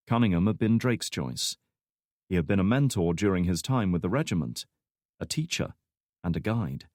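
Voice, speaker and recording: A man narrating an audiobook in a steady, measured reading style. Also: low-pitched, no echo, studio quality. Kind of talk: scripted narration.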